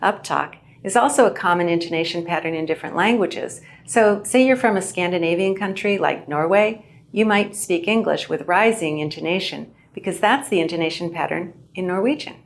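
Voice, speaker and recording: A woman instructor giving a clear, measured lesson on how to present well. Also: fairly low pitch. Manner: clear, measured teaching delivery. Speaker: English language instructor. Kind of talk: instructional video narration.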